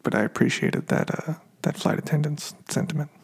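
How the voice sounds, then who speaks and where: A man's voice: on the high side, fairly quick, creaky, breathy edge. A man with an American accent hosting a podcast in a casual solo chat. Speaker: podcast host.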